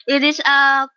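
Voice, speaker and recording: A woman's voice: high-pitched, bright, forceful tone, no echo, lo-fi sound. A young woman from Indonesia, a student participant, speaking hesitantly and searching for her words.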